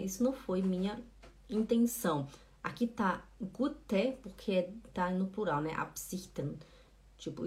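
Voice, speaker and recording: A woman teaches German in a live online class. She takes her time, saying each word slowly and repeating it with care. Her voice sits at an ordinary middle pitch, and she talks easily with her viewers. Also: darkish tone. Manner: patient, repeats words slowly and chats with viewers. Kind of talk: live-streamed language lesson.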